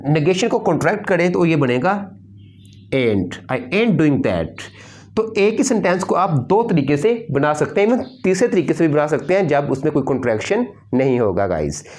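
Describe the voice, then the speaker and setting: A man's voice: high-pitched, darkish tone. A man teaching an English grammar lesson, explaining patiently and repeating key points.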